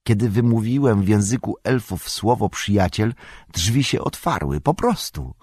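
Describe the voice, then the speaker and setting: A commanding old wizard with a husky voice, as a male audiobook narrator puts him on. He speaks in forceful, authoritative bursts on a dry recording. The storybook reading gives him a weighty, wise air. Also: lowish voice, animated, moderate pace, no room sound, voice pushed up. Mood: reflective.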